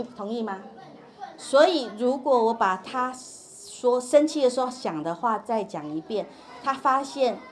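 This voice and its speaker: A middle-aged woman giving a parenting workshop to parents, animated and acting out quoted dialogue. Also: a little high. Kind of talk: parent education lecture with Q&A.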